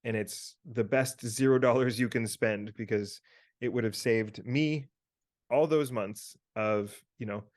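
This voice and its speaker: A man speaks over a video call as podcast co-host. He talks in a relaxed, meandering way, full of fillers, as he tells a personal story and gives listeners advice. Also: mid-range voice, a little slow.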